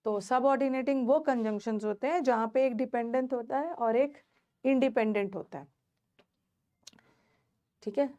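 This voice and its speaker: A woman's voice: on the high side, moderate pace, long pauses, warm tone, muffled recording. A woman teaching a grammar lesson in Hindi mixed with English terms, explaining step by step, repeating key words and asking the class questions.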